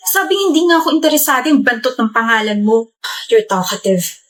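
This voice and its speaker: A woman's voice: a little high, animated, fairly quick, close to an everyday voice. A woman playing a brash, funny young student in a comedy skit, talking in a sassy, teasing way. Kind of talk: skit acting.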